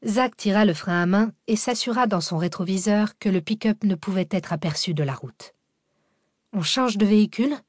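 A woman narrating a thriller audiobook in a steady, measured reading. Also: medium pitch, no echo, clean studio sound.

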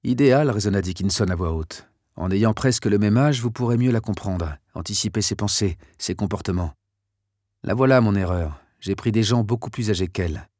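A man's voice: on the low side, normal speed, darkish tone, no room sound, clean studio sound, close to an everyday voice. A man voicing an eager, insistent civilian chasing a solution, for an audiobook. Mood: musing. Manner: insistent, intense. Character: eager determined male civilian, middle-aged. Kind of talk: audiobook character voice.

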